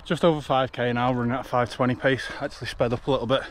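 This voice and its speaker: Out on a forest trail, a breathless English-accented man in his twenties talks casually to his arm's-length action camera mid-run, vlogging about fitness. His mid-range voice stays steady though he races along, captured in noisy outdoor audio.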